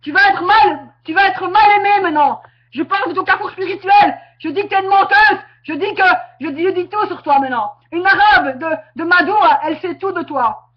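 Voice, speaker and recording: A woman ranting angrily into her webcam. She is confrontational and repeats herself, breaking into shouting. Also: very high voice, brisk. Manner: confrontational, repetitive, bursts into shouting. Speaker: webcam vlogger. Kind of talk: angry direct-to-camera rant. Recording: muffled webcam audio.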